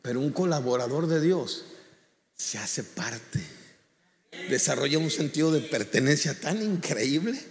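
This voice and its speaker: A man's voice: fairly high pitch, animated, measured pace, in a large hall. A man, a pastor preaching by telling a story with colloquial asides. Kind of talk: storytelling sermon.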